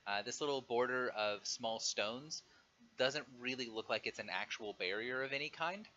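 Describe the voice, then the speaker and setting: A man running a tabletop game on a live stream, explaining the rules in a relaxed way with many fillers. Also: mid-range voice, normal speed. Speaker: game master. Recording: dull lo-fi stream audio.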